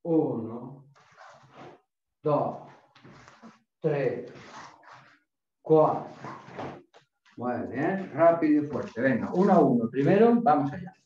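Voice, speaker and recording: A man's voice: mid-range voice, expressive, slow, pauses often. Echoey, barking male karate coach. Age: middle-aged. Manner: barking drill commands like a gym coach. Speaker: karate instructor. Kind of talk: karate class instruction with counting and commands. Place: small home dojo with mats, indoors. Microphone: far camera across the room. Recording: distant echoey dull room recording, faint noise.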